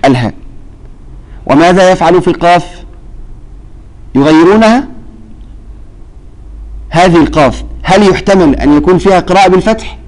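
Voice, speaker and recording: A male Quran teacher talks through a recitation lesson, his voice sitting slightly high. He lays out each point slowly and keeps asking the students if it is clear. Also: a little mellow, rough recording. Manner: explains step by step, checks understanding with questions. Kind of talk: classroom lesson.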